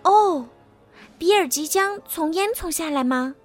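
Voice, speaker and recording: A woman voicing a spirited, curious young girl who thinks aloud and now and then shouts back. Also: very high voice, animated, unhurried, faint music behind, voice pushed up. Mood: musing. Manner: wondering to herself, sometimes crying out. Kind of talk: storybook reading.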